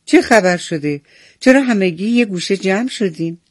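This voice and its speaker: A man voicing the commanding ruler of a flock of birds in a children's story, calling out orders loudly. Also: sits high, animated, dry recording, clean studio sound. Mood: stern. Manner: loud, commanding announcements.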